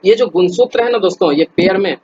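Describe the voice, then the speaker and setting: Husky, chatty male quiz teacher. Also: sits high, fast talker, a little mellow, muffled recording. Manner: chatty, many fillers and restarts, addresses viewers as friends. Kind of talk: casual explainer lesson.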